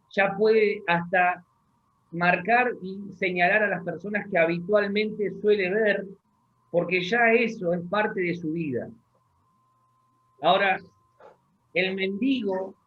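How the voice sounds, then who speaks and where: A high-pitched man delivers a sermon, reading scripture in slow, deliberate phrases and stopping to question his listeners. The sound is dull and lo-fi, like a plain church recording. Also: slight background noise. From Argentina. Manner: asks the congregation questions. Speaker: pastor. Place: church hall.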